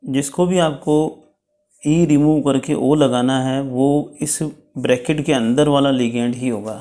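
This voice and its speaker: A man's voice: medium pitch, mellow. A man teaching chemistry in a step-by-step lecture, checking in often with his students. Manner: explains slowly, checks with "ठीक है".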